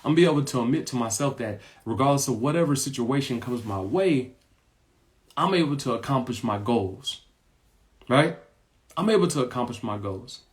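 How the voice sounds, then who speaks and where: A man's voice: medium pitch, lively intonation, moderate pace. A man hosting a podcast, telling a motivational story in an earnest way, repeating his points and often ending lines with "right?". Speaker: podcast host.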